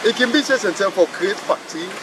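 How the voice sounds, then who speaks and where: A man's voice: high voice, animated, fast talker. A man with a Sierra Leonean accent hosting an educational program in an emphatic, repetitive way. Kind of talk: educational presenting, mixing Krio and English. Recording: clear outdoor traffic noise.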